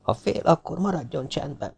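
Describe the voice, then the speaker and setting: A man voicing a young woman hiding at night, talking in a hushed, urgent whisper for an audiobook. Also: on the high side, expressive, creaky, husky, pitched above the performer's own voice, heavily acted. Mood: tense hushed.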